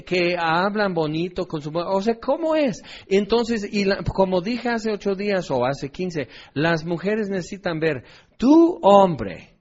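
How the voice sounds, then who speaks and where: Man teaching the Bible, lo-fi. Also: on the high side. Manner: conversational, asks rhetorical questions, checks in with "ok". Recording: dull lo-fi recording.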